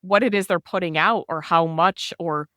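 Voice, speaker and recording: A woman's voice: fairly low pitch, moderate pace, bright, forceful tone, dry recording, studio quality. A woman co-hosting a psychotherapy podcast, chatting casually and thoughtfully as she retells a film's plot at length.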